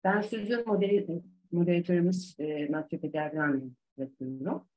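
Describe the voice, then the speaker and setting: A woman's voice: on the low side, steady tone, normal speed, no room sound. A woman presenting a webinar, introducing a speaker and handing over to a moderator. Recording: dull, dry lo-fi webinar audio.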